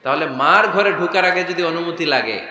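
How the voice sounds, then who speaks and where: A man's voice: a little high, bright, forceful tone. A man preacher giving a sermon, firing rhetorical questions at the crowd and acting out short dialogues. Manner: acts out dialogues in quick voices. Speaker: Islamic preacher. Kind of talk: Bengali waz sermon with sung recitation. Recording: echoey hall with faint noise.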